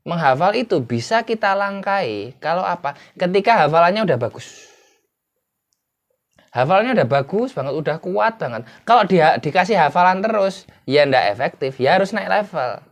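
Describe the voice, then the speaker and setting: Lively-voiced man teaching. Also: sits high, moderate pace. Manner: asks the listener rhetorical questions and answers them himself. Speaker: English teacher. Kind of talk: explanatory lecture.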